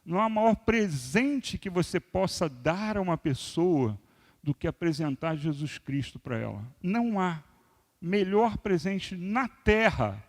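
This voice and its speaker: A man in his sixties preaching a sermon as pastor, moving between loud emphasis and quiet asides. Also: high voice, animated, measured pace. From Brazil. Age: 60s. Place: church hall. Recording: long reverb of a large church hall.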